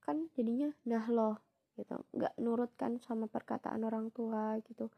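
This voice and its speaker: A young woman from East Java telling a personal story in a soft, reflective way, pausing often with fillers. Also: on the high side, fairly even intonation, vocal fry. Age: young adult.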